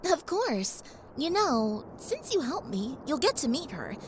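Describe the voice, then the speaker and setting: A woman plays a young pony princess in an audio drama, polite, playful and earnest, with a friendly, slightly grand air. Her high voice is sing-song and unhurried, though the recording is rough, with slight background noise and faint ambience.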